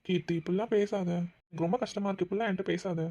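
A man's voice: sits high, steady tone, rapid-fire, a little mellow. A man voicing a defensive, pleading young boyfriend in a cartoon, in a dull, dry, lo-fi recording. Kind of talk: cartoon voice acting.

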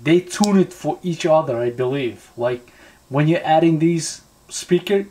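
Indoors at a tabletop, a higher-voiced male product reviewer offers casual hands-on commentary in a darkish tone. He thinks out loud, halting and repeating himself.

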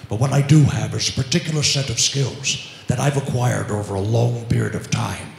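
A middle-aged man on stage switching between exaggerated voices of gruff, swaggering male celebrities in a stand-up impressions act. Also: mid-range voice, steady tone, fairly quick, a little hiss or hum, pitched below the performer's own voice, natural voice. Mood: low, menacing. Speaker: comedy impressionist. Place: theatre stage, indoors. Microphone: handheld microphone. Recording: echoey stage PA with music behind.

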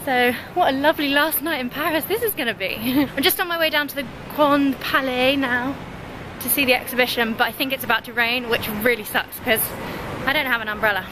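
A woman's voice: high-pitched, steady tone, brisk, noisy background. A young woman in her twenties talking to a handheld camera at arm's length, chatty and upbeat, laughing often as she vlogs through her travel day. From England. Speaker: travel vlogger. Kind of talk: casual vlog. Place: city streets and buildings, indoors and out.

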